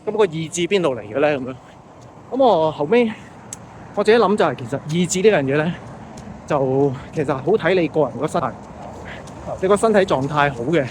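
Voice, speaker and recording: A man with a fairly high voice and a Hong Kong Cantonese accent chats off the cuff like a vlogger. He talks conversationally, tossing in rhetorical check-in questions. Faint outdoor traffic noise sits behind him. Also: expressive, fairly quick, long pauses, a little mellow. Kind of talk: unscripted casual monologue.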